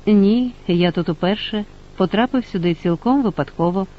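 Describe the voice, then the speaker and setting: A calm, reserved male traveller who gives evasive answers in a fairly high voice, as a man plays him. The sound is dull and lo-fi. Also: normal speed, close to an everyday voice.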